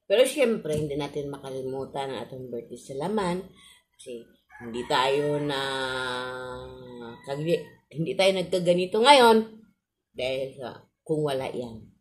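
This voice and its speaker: A middle-aged Filipino woman vlogger with missing front teeth chats casually to her viewers in a polite, halting way, often repeating herself. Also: sits low, animated. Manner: polite, halting, with frequent repetition.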